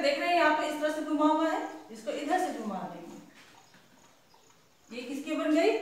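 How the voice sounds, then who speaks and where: A woman's voice: high-pitched, heavy reverb. A woman teaching young children, asking each question and then answering it herself. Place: classroom.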